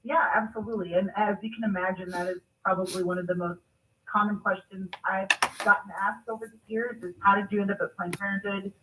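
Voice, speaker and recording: A woman's voice: medium pitch, fairly even intonation, brisk, recorded from a distance, background noise. A middle-aged woman from Texas, calling in to a radio show and telling her story candidly and steadily. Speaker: call-in guest. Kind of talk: casual radio interview. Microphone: phone call-in.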